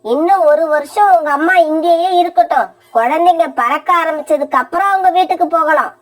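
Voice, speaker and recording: Brief: woman as a high-voiced, sharp-tongued cartoon mother crow, scheming and harsh. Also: fairly quick. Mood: mocking. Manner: sharp-tongued, scolding, threatening. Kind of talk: cartoon voice acting.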